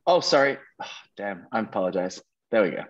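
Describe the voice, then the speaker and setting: Over dull, lo-fi online call audio, a man hosts a quiz at a slightly fast clip, his low voice full of lively intonation. He reads out the questions and responds encouragingly to the contestants' answers.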